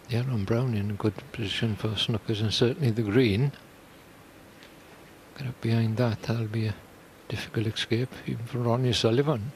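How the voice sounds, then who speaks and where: Man, mid-pitched, conversational snooker commentary, informal and unhurried, slight background noise. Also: darkish tone, low-quality recording. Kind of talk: live sports commentary, conversational.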